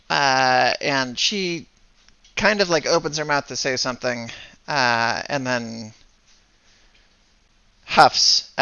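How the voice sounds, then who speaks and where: A man runs a tabletop game, stopping and restarting with lots of fillers. His voice is gravelly yet bright. The recording is dry and a bit dull. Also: medium pitch, dry recording. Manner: halting, many fillers. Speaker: game master.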